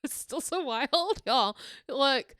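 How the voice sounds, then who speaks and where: A woman's voice: sits high, lively intonation, takes it slowly, fairly bright tone, dry recording, studio quality. A middle-aged woman co-hosting a podcast in casual chat, blunt and frank and happy to swear. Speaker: podcast co-host, mother of the other host.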